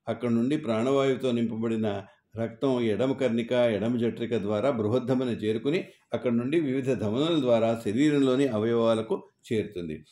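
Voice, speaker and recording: A man, a doctor, reading a medical explainer in a measured, methodical way, listing causes one after another with small hesitations. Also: medium pitch, warm tone. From Andhra Pradesh, India. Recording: roomy echo.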